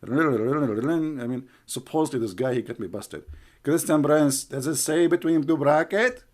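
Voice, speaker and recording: A man whose first language is Arabic delivers heated, argumentative online commentary. His voice is a little high and a little slow with a darkish tone, and he sounds scornful and mocking, calling people names.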